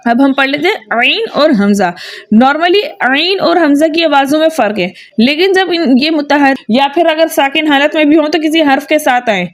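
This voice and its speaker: Woman, tajweed teacher, patient and repetitive, high voice. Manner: patient, repeats each sound twice, checks with "theek hai". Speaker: Quran recitation teacher. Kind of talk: tajweed lesson with drilled letter sounds.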